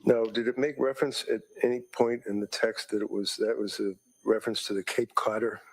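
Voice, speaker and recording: Cross-examining a witness, a defense attorney halts and repeats himself while leading the questions in a courtroom. He speaks with a fairly low pitch and level tone, and the recording is rough.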